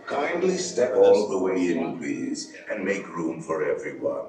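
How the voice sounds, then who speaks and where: An actor playing a sinister, courtly ghost host, delivering a booming, echoing villain monologue in scripted theme-attraction narration. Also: male voice, very animated, unhurried, a little mellow, faint music behind. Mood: grandly ominous. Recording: echoing chamber, distant mic, noisy ambience.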